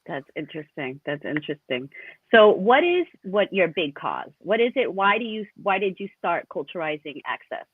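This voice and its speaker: A woman's voice: lowish voice, big pitch swings, normal speed, husky, no room sound. A woman hosting an interview, gushing with praise for her guest and thinking aloud through many restarts. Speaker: host. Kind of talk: casual interview chat. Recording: dry, tinny phone line.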